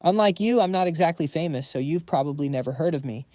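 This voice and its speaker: A man's voice: on the high side, animated, quick pace, warm tone, no room sound, studio quality, lightly acted. A man doing a chatty, goofy young roommate. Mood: upbeat. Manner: upbeat and chatty.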